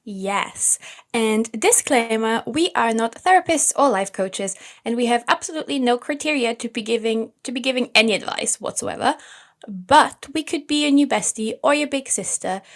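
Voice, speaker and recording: A woman in her thirties from Austria co-hosts a casual podcast chat. She speaks in a relaxed, supportive way, and her asides are soft-spoken. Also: on the high side. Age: 30s. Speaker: podcast co-host.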